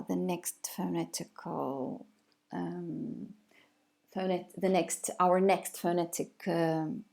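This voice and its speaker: A woman's voice: lowish voice, creaky, a little mellow. A woman giving a recorded video lecture, hesitant, with many fillers and restarts.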